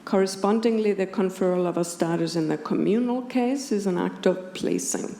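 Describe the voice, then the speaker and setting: Measured and precise, a native Icelandic speaker from Iceland with an Icelandic accent presents an academic lecture at a conference in a medium-pitched, dark-toned voice. The philosopher's talk is partly scripted, delivered indoors to an audience amid clearly audible background noise in a roomy hall.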